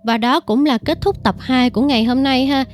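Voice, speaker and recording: A woman's voice: high voice, brisk, soft background music. Chatty woman storyteller. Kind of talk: casual ghost-story narration.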